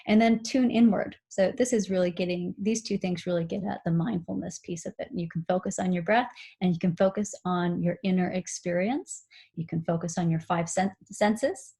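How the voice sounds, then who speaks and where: A woman giving a recorded seminar on mindful running, explaining calmly with frequent fillers. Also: fairly low pitch, moderate pace, creaky, slightly rough. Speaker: running instructor.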